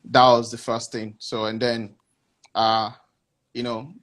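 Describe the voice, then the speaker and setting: A man, a guest on a video call, telling his story haltingly with many restarts. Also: mid-range voice, monotone, fairly bright tone. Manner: hesitant, many restarts, reflective. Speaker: interview guest. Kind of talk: casual interview answers.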